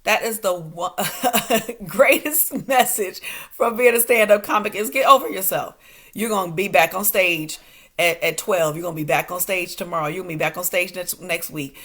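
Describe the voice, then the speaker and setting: A woman's voice: on the low side, normal speed, fairly bright tone. A woman in her forties, a stand-up comic and entrepreneur, hosting a motivational talk in short, emphatic commands and laughing often.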